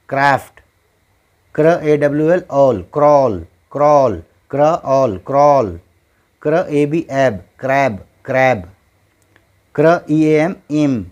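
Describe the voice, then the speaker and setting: A man's voice: medium pitch, a little mellow. A man teaching English phonics, spelling out letters and sounding out each word, then repeating it patiently several times.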